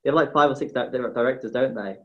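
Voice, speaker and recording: A man's voice: medium pitch, fast talker. A young man co-hosting a podcast, enthusiastic and trailing off as he talks. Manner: enthusiastic, trailing off mid-thought. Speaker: podcast co-host. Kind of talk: casual chat. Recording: dull lo-fi mic.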